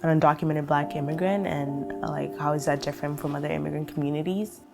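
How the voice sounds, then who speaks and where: A woman's voice: sits low, steady tone, fast talker, creaky, music in the background. A young woman from Kenya, telling her story in a documentary interview, reflective and full of fillers. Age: young adult.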